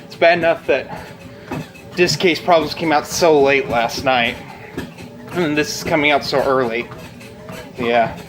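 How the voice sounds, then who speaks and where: A man's voice: on the high side, a little slow, pauses often, over music, poor audio. Young man rambling while walking on a treadmill. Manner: rambling, blunt, frequent swearing. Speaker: video blogger. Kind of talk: casual unscripted chat to camera.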